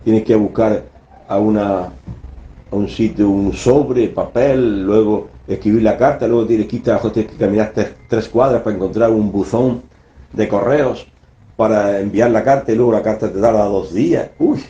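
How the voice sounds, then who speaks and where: A man preaches an earnest, emphatic radio sermon in a low, mellow voice. He acts out the scripture quotes as he goes. The broadcast sounds dull and lo-fi, with a roomy echo. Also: normal speed. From Spain. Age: 70s.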